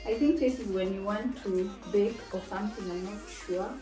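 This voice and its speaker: A young Tanzanian woman who makes cooking vlogs casually reviews a kitchen appliance at home, chatting and thinking out loud as she shows off each part. Her voice is medium-pitched with a dark tone at a normal speed. A camera mic a few feet away gives a roomy kitchen sound, with music playing in the background.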